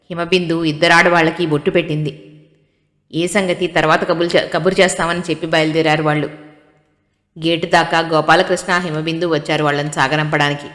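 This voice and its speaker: A woman narrating an audiobook story in a steady, storytelling manner. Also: deep voice. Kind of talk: scripted narration. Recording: long hall reverb.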